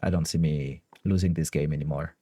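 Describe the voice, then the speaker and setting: A man's voice: extremely low pitch, steady tone, fairly quick, warm tone, no echo. A young man with a French accent, a card game streamer thinking aloud through his plays, weighing options and often laughing. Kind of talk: thinking aloud while playing online.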